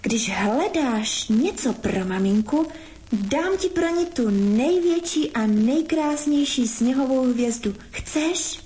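A woman voicing Winter as a brisk, self-important but kindly female spirit in a storybook reading. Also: high-pitched, animated, darkish tone, voice pushed up.

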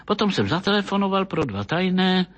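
A man voicing an excitable, irritable middle-aged police detective who talks in agitated bursts in an audiobook reading. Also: sits high, dull audio, pitched above the performer's own voice. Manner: agitated, exclamatory, bursts of shouting.

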